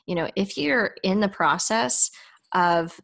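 A woman's voice: mid-range voice, takes it slowly, gravelly, fairly bright tone. Woman, podcast host, casual interview chat, encouraging, laughs a lot, mid-range voice. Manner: chatty, encouraging, laughs often.

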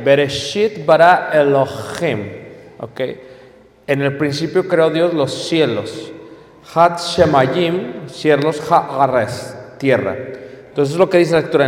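A man teaching a class, explaining step by step and often checking in with his listeners. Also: on the high side. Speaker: teacher of biblical Hebrew. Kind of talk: classroom lecture. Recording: long hall reverb.

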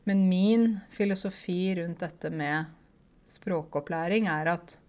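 A woman with a somewhat low voice talks casually to her viewers about running a language school. She explains patiently, pausing often with fillers as she searches for words. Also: darkish tone. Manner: hesitant, many fillers, explanatory. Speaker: online language school owner. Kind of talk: casual monologue answering viewer questions.

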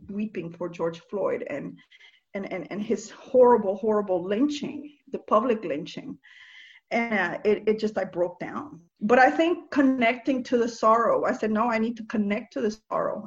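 A woman's voice: on the high side, dull audio. A woman from Nicaragua speaking as an interview guest, earnest and reflective, often restarting her sentences as she talks about faith. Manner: earnest, halting, with many restarts and soft laughs. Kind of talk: reflective spiritual conversation.

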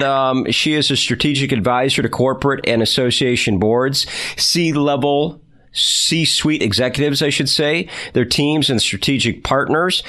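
A man hosts his business podcast with an easy, conversational manner. He cracks self-deprecating jokes and wanders into little asides. His voice sits in a mid-range pitch. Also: fairly bright tone. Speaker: podcast host. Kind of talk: casual podcast interview.

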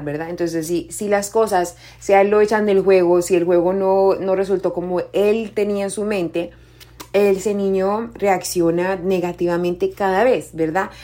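A young adult woman, a life coach, giving a casual motivational talk, conversational and often tagging her points with a question. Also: medium pitch. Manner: conversational, often asks "¿verdad?"; acts out quoted shouting in a raised voice.

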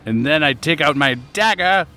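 A man's voice: on the high side, expressive, normal speed, sharp tone, slight background noise. A man chatting casually as a player in a tabletop game.

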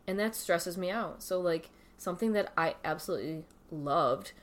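A woman in her thirties, appearing as a podcast guest, chats casually and reflectively about personal matters, recorded indoors in a wooden cabin. Her voice is on the low side, at a moderate pace.

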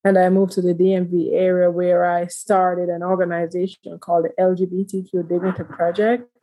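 A woman talks in a low, mellow voice. Her pitch barely moves as she lays out her thoughts in earnest, steady sentences. She sounds like a guest in a podcast interview. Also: fairly quick, low-quality recording. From Jamaica. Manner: earnest and steady, speaking in long, building sentences. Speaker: guest, community advocate. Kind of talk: interview conversation.

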